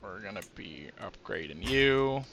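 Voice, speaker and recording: A man's voice: on the low side, expressive, measured pace, a bit bright, slight background noise. A man giving casual commentary while playing a strategy game, musing aloud with frequent fillers. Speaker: gameplay commentator.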